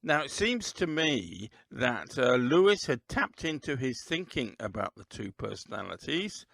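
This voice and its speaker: Gravelly male podcast host, unhurried and measured in delivery. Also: mid-range voice, a bit bright, no echo. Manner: measured, deliberate, with occasional "uh" pauses. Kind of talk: solo history podcast talk.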